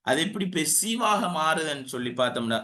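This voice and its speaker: A male English teacher, explaining grammar and slowly dictating example sentences. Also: on the high side, very animated, pushed and bright. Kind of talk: classroom grammar lesson.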